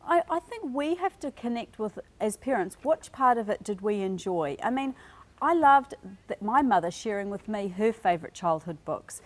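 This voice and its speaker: A woman talks as a guest in a studio interview, her voice at an average pitch. She explains her views earnestly, in conversational sentences, as a parent and advocate would. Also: lively intonation, normal speed.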